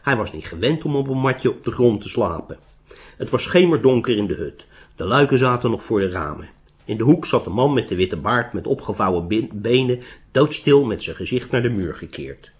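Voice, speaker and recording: A man narrating a storybook tale in an expressive reading voice. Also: medium pitch, normal speed.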